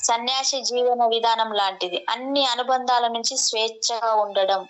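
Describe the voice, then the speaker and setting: A woman reading a translated spiritual discourse as steady scripted narration, with an occasional restart. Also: fairly high pitch, normal speed, rough recording.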